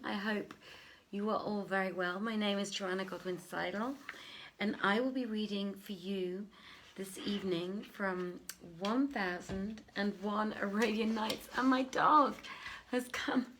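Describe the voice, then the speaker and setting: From home, live to camera on a tripod, a woman who is a theatre director and storyteller hosts a stream and gives an informal welcome before a bedtime-style reading. Her voice is medium-pitched and fairly bright, with a measured pace. She comes across chatty and affectionate, adding theatrical flourishes to her greetings.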